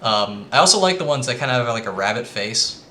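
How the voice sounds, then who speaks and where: A man's voice: medium pitch, expressive, quick pace, a crowd in the background. A man giving a casual, rambling presentation to friends, with lots of ums. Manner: rambling with frequent ums, quietly earnest.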